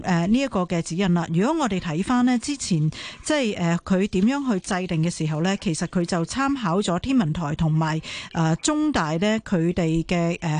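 A woman with a Hong Kong Cantonese accent hosting a current affairs radio interview, putting questions in a spontaneous, halting way. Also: lowish voice, darkish tone. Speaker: radio host.

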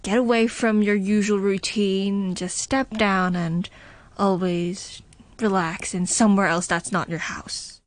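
A woman radio presenter chatting in a relaxed way, with fillers. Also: mid-range voice, a little slow. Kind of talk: casual radio chat and scripted links.

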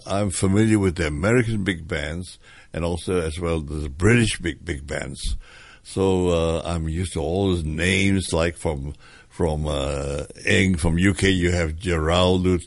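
Low gravelly older man reminiscing. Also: dry recording. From Hong Kong. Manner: hesitant, reminiscing with many fillers. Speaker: interviewee. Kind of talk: oral history interview.

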